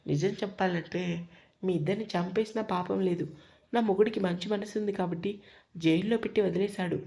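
A woman's voice: medium pitch, brisk, creaky, warm tone, natural voice. A woman voicing a furious young wife in a storybook reading, menacing and cold as she threatens her in-laws.

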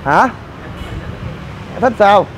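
A man's voice: high voice, animated, slow, a little hiss or hum. A man ranting to viewers while inspecting shoddy building work, scolding and exasperated. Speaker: gym owner and vlogger. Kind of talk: ranting vlog walk-through.

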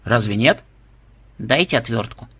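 A man voicing a calm, clever young woman in an audiobook, matter-of-fact. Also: medium pitch, unhurried, husky, heavily acted.

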